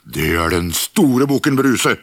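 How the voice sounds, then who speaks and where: Storybook hero: huge billy goat, played by a man, gruff, coarse, defiant, pushed up in pitch and volume. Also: big pitch swings, a bit bright, no room sound, clean studio sound, heavily acted. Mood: bold defiant. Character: biggest billy goat, gruff, bold, fierce fighter.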